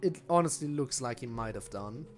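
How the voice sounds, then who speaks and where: A German man with a German accent chats casually with viewers during a live game stream, rambling and frequently restarting his sentences as he answers chat. His mid-range voice has a darkish tone and lively intonation at a normal speed, with soft music playing in the background.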